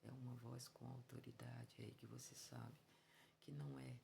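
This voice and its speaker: A man with a Brazilian Portuguese accent giving an informal religious teaching, halting and full of fillers and restarts. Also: mid-range voice, little pitch movement, gravelly, noisy background. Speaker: evangelical preacher. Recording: loud music bed behind voice.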